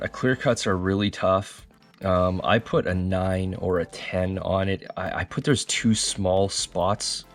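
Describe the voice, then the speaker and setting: A man with a low, radio-like voice talks to his viewers in a relaxed, chatty vlog manner. He sounds casual and unhurried. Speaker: sports card collector and channel host. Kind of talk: casual card-review vlog talk.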